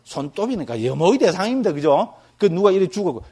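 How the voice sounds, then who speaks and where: Lively monk lecturing, higher-pitched man. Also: a little fast, slightly rough. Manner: lively, tags nearly every phrase with a check-in question to the listeners; vivid, graphic examples told with sound words. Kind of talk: Buddhist doctrine lecture.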